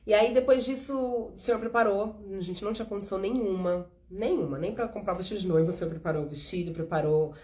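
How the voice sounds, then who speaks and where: Talking fast with hardly any pauses at medium pitch, a woman in her thirties hosts an informal faith testimony chat. She's from São Paulo, speaks with a São Paulo Brazilian Portuguese accent, and tells stories animatedly while acting out the dialogue.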